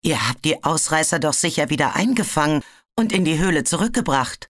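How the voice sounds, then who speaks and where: A storybook narrator voicing a female earth dragon who speaks in a calm, assured way. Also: medium pitch, brisk, no room sound, voice pushed up, natural voice. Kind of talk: audiobook character voice.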